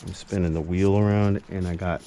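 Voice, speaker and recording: Working through a repair, this amateur vlogger speaks in a low, warm, steady voice at a fairly quick clip, keeping things casual, slangy and unscripted. Sometimes he mumbles to himself, sometimes he turns to the audience. His GoPro action camera captures a faint background noise.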